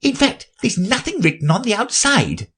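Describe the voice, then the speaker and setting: A man voicing a nervous, fussy rabbit acting as court herald, speaking in a prim, respectful, hurried way. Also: sits high, wildly swooping pitch, fairly bright tone, breathy edge, pitched above the performer's own voice, full character voice.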